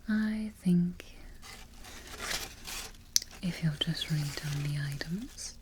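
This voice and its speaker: A woman as a slow, whispery, imperious Evil Queen. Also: on the low side, noisy background. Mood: composed, approving. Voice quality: soft, breathy, near-whispered. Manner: deliberate, haughty, formal phrasing. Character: imperious, fussy, vain Evil Queen, darkly comic. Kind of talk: soft-spoken humorous ASMR roleplay. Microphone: close ASMR microphone.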